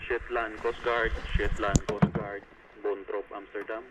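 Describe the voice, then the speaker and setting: Low-voiced man over marine radio. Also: level tone, a little slow. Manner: hesitant, with fillers. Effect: marine VHF radio transmission. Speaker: ship's radio operator. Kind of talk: formal radio procedure. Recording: distant, noisy radio relay.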